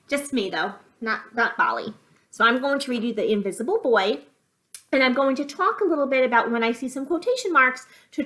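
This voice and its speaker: A woman teacher with a highish, pushed, bright voice gives young children a reading lesson, reading a picture book aloud and explaining it simply with asides. The recording quality is low.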